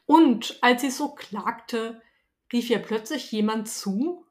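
A woman narrates a fairy tale for a podcast, calm and even. Her voice sits a little high. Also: slow pace. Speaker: podcast co-host and storyteller.

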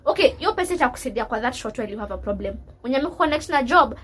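Fast, high-voiced Kenyan woman. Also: expressive, husky. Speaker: podcast co-host. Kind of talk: casual chat, mixing English and Swahili slang.

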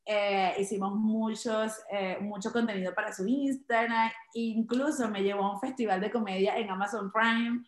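Lively woman comedian in an echoey room. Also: mid-range voice, moderate pace, few pauses. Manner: animated, laughs often, acts out quotes. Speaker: stand-up comedian, guest. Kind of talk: casual interview storytelling.

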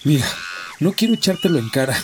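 A man's voice: a little high, big pitch swings, quick pace, darkish tone, slight background noise. A man acting a stressed, stubborn zoo owner in an audio drama, earnest and exasperated. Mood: alarmed, exasperated.

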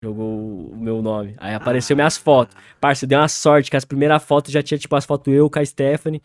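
This young man, a rapper from inner São Paulo state with a São Paulo Brazilian Portuguese accent, speaks fast and steadily at a medium pitch. The studio-quality recording has no echo. As a guest, he spins a long, slang-heavy story in a casual way, laughing and imitating what others said.

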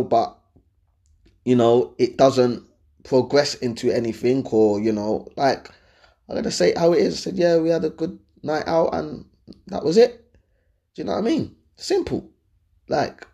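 A man's voice: medium pitch, mellow. A man with a London accent and a mid-range voice talks as a host giving advice. His delivery is casual and opinionated, full of street slang. He speaks directly to his viewers and regularly checks that they are following. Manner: slangy, conversational, checks in with listeners often.

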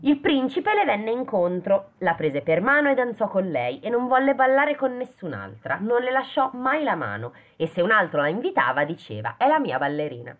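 A woman's voice: mid-range voice, very animated, normal speed, hardly any pauses. A woman reading a fairy tale aloud in casual chat, stopping often to joke about and question the text. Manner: reads then breaks off to joke and question the text. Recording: phone-like lo-fi audio.

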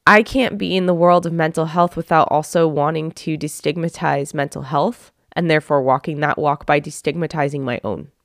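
Earnest woman, low voice. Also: no echo, clean studio sound. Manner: earnest, heartfelt, speaks directly to listeners. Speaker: podcast host. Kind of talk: reflective solo podcast talk.

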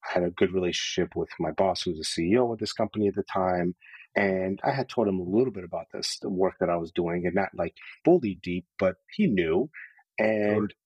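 Man, very deep voice, husky, candid storytelling, dry close sound. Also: a little fast, a little mellow, no echo, muffled recording. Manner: earnest, open, many filler "like"s. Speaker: podcast guest, sales leader.

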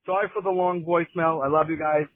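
A man's voice: a little high, steady tone, quick pace. A man leaving a long, rambling voicemail for a show, heard over a phone line. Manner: rambling, meandering. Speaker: caller. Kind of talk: casual voicemail.

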